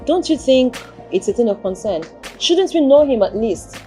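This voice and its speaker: A woman's voice: on the high side, expressive, moderate pace, mellow, soft background music, lightly acted. An actress playing a protective, concerned woman of the household in a film drama, with a Nigerian accent.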